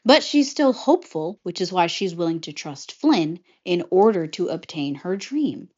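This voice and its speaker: A woman talking through her movie pitch in a casual, chatty way, her pitch rising and falling freely. The recording is a bit dull and muffled. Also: moderate pace. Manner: animated, chatty, jumps into character voices. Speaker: vlogger pitching a film idea. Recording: slightly muffled lo-fi audio.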